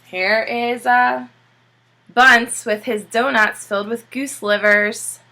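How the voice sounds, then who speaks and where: A teacher reads a children's book aloud, her voice a little high and her pace slow. She is expressive and emphatic, and she drops in brief asides to her listeners.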